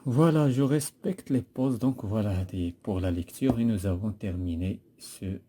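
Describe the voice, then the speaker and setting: A man's voice: fairly low pitch, measured pace, warm tone, slight background noise. A man with a Moroccan accent, teaching a poetry lesson and patiently repeating and correcting a pupil's answers.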